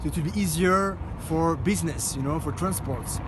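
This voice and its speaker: A high-voiced Belgian man gives a guided walking tour outdoors on a city street, earnestly explaining things to a group at a moderate pace. Loud city traffic and street ambience fill the recording.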